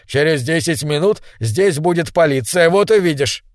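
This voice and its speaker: A man's voice: fairly high pitch, lively intonation, moderate pace, dry recording, clean studio sound, natural voice. A man doing an indignant, rattled husband. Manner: indignant exclamations. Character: irritable startled husband, middle-aged man.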